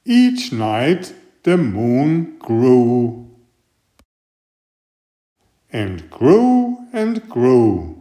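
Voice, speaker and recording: Reading from a children's picture book, this storybook reader and author tells the tale slowly and expressively. His voice sits in the middle range.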